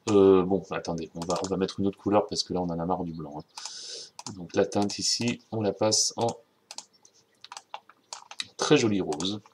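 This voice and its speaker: A man with a French accent giving a casual, chatty software tutorial, talking straight to viewers and correcting himself as he goes. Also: low-pitched, fairly even intonation, measured pace, pauses often, a little hiss or hum. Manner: informal, chatty, self-correcting, addresses viewers directly. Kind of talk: screen-recorded software tutorial.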